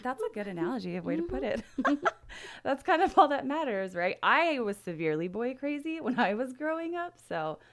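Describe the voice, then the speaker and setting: A woman's voice: high voice, very animated, fairly quick. A woman co-hosting a true-crime podcast, telling the case in casual chat and laughing often. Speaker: podcast co-host.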